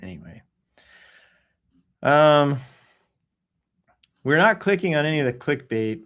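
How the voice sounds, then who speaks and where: A man hosting a casual news read-through, joking around, clearing his throat often and making sound-effect noises between stories. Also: a little high, sing-song, slow, fairly bright tone. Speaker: host reading the news.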